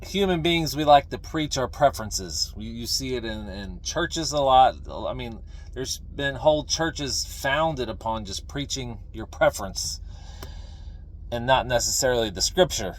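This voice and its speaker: A middle-aged man talking casually and ramblingly to viewers, folksy and opinionated, halting and repeating phrases for emphasis. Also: medium pitch, expressive, a little hiss or hum, poor audio. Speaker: video creator, veteran pipe smoker. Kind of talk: casual rambling talk to camera.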